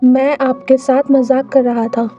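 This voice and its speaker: A woman's voice: sits high, level tone, measured pace, dark tone. Woman reading a teasing noble tutor. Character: playful adult male lord tutor, teasing. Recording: slightly dull recording, faint music.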